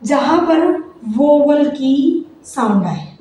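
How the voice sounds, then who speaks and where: A woman's voice: high voice, very animated, slow pace, warm tone. A woman teacher giving a grammar lesson, asking the class questions and answering them herself. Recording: very echoey room, faint noise.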